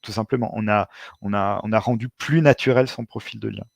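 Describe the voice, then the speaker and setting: Low-voiced man explaining in a webinar. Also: fairly even intonation, a little fast, gravelly, dry recording, studio quality. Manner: hesitant, frequent filler sounds and restarts; informal, conversational explaining. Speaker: SEO expert presenting a webinar.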